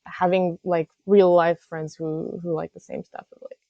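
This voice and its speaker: A young woman from Serbia answers interview questions in a low, warm, relaxed voice. She pauses often and restarts her sentences. The sound is dull and lo-fi, recorded close and dry. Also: gravelly, dry recording. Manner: hesitant, many fillers and restarts. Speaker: guest, games news editor. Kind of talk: casual interview chat.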